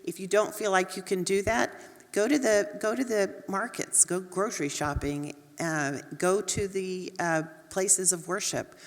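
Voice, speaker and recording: On a panel, a Texan woman who is a nursing dean talks in an earnest, encouraging, conversational manner. She speaks at a measured pace with a medium pitch, and a long hall reverb colors the recording.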